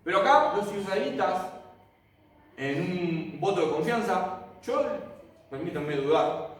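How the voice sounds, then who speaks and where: A man with a high voice leads a Bible lesson, telling the story vividly and checking in with rhetorical questions. He sounds far from the microphone, and his voice rings through a strongly echoing room. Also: expressive, slow. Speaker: Bible teacher. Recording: echoey room, mic far off.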